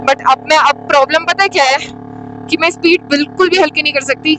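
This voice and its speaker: High-voiced chatty woman riding a motorbike. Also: brisk, sharp tone, a little hiss or hum. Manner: chatty, thinks aloud, calls everyone brother. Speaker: motorcycle vlogger. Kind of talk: casual chat while riding. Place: outdoors on a high mountain road, on a motorbike.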